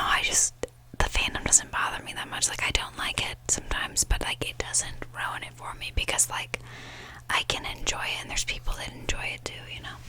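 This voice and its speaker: Girl whispering asmr, breathy, rambly casual chat w nail taps. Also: poor audio. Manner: informal, slangy, sweary, rambling. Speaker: ASMR video host. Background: nail tapping and page fluttering.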